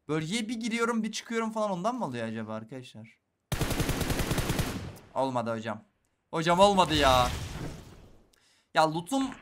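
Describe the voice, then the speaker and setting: Bright, high-voiced young gamer. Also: male voice, slight background noise. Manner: excitable, talks to viewers while playing, swings between hushed and loud. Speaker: gaming YouTuber. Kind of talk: live gameplay commentary.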